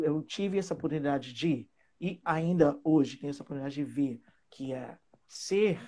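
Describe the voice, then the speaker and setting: A man from Trinidad and Tobago, his English, chatting as a guest teacher and pausing often to find his words. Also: on the high side, mellow, slightly rough. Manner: hesitant, searching for words, with many fillers. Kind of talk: casual live chat.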